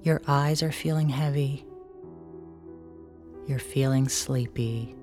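A woman guiding a sleep relaxation like a sleep story narrator, giving soothing, unhurried instructions with gentle pauses. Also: a bass voice, faint music behind.

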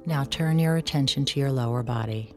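A woman guiding a sleep relaxation like a sleep story narrator, giving soothing, unhurried instructions with gentle pauses. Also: extremely low pitch, soft background music.

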